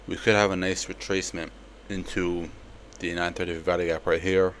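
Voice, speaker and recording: A young man with a slight lisp walking through a trade in a casual, relaxed way, with lots of fillers. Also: low voice, brisk, slight background noise. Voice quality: slight lisp from a palate expander. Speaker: trading educator. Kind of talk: screen-recorded trade breakdown.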